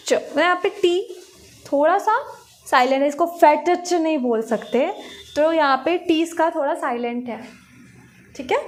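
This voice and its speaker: A woman with an Indian accent teaching phonics to young children in Hindi-mixed English, sounding out letters one at a time. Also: high-pitched.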